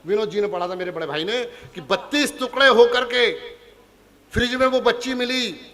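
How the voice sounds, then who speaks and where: A man's voice: very high voice, moderate pace, a bit bright, big-room sound. A man with a Punjabi accent, a comic poet on stage, teasing and chatting with a live audience. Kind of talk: stand-up comic poetry recital. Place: large hall before a live audience.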